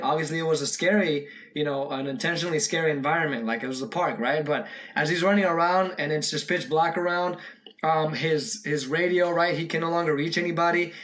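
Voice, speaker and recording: A man's voice: a little high, fairly bright tone. A young man giving casual, rambling reaction commentary on a short horror film, full of fillers and restarts. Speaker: video reactor.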